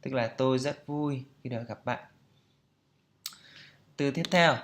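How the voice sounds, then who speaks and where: A man teaching pronunciation, explaining patiently and repeating example words slowly for students to copy. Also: medium pitch. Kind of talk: pronunciation lesson.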